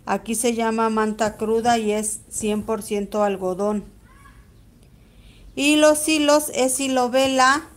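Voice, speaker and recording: A woman with a Mexican accent gives a chatty live-stream embroidery lesson, greeting viewers by name as she stitches. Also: medium pitch. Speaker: embroidery teacher.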